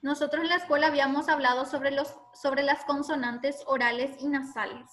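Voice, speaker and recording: Woman teacher on an online class, high bright voice, slow patient delivery, sounds spelled out. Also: steady tone.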